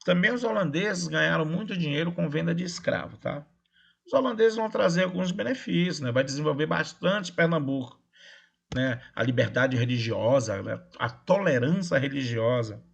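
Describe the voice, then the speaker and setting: A man's voice: a little high, lively intonation, moderate pace, gravelly, breathy edge. Casual man teaching history online. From Brazil. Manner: casual, checks in with "tá?" and "né?". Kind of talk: online class lecture.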